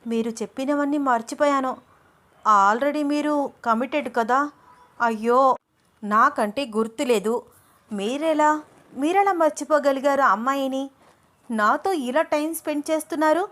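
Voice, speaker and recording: Touchy young student girl as a woman narrator plays her, indignant, accusing, audio story, middle-pitched voice. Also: fairly even intonation, moderate pace, pauses often, natural voice.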